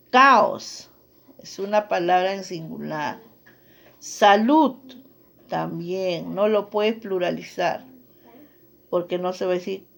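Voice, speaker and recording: A woman's voice: mid-range voice, vocal fry. A woman teacher giving a grammar lesson, reading out rules and examples and often checking in with her listeners. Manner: slow, deliberate, checks in with listeners.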